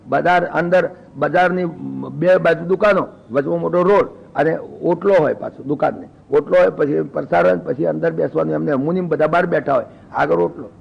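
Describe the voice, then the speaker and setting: Older man, spiritual talk, folksy storytelling, gravelly edge. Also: a little high, fairly even intonation, normal speed, hardly any pauses, lo-fi sound. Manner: folksy storyteller voicing characters in quoted dialogue. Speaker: spiritual speaker.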